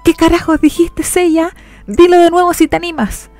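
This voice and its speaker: A woman voicing a loyal, quick-tempered teenage boy who shouts threats in a storybook reading, her voice a little gravelly. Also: mid-range voice, soft background music, close to an everyday voice. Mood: angry. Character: loyal hot-headed teenage boy rival, quick to anger.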